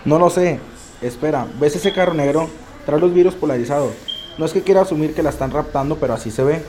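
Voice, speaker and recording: A man's voice: a little high, quick pace, dark tone, lightly acted. A man voicing a young male coworker who nervously points out something suspicious. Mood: worried. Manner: hesitant, worried. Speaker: employee. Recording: faint music underneath.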